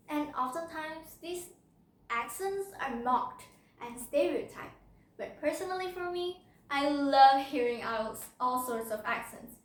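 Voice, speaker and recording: Recorded from a distance in an echoey room, this Indonesian teen girl with a high voice is a speech-contest student delivering a prepared persuasive talk to camera. Hokkien is her first language. Her manner is lively, and she frequently puts questions to the listener.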